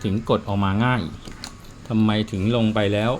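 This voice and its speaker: A man's voice: fairly low pitch, steady tone, normal speed, a little hiss or hum. A man who repairs watches, talking casually and telling stories in a plain, chatty way while he works. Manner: chatty storyteller, plain spoken. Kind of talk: casual explanatory chat.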